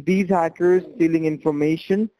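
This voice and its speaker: A man with a mellow, slightly high voice works as a call center agent. He gives wordy instructions on a phone support call. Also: fairly even intonation, moderate pace, rough recording.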